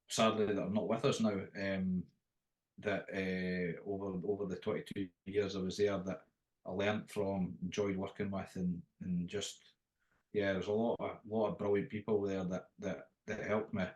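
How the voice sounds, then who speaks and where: A man's voice: deep voice, a little mellow. Echoey middle-aged man with a Dundee accent. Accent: Dundee Scottish. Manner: rambling, often restarts phrases mid-thought. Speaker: interview guest, after-dinner impressionist. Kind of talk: casual anecdotal interview talk.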